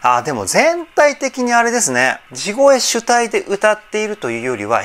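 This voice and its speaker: A male voice coach talks casually through his analysis of a vocal track. His pitch swings widely as he admires each phrase and patiently explains technique, with a light hiss faintly under his voice. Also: a bit bright. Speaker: voice trainer.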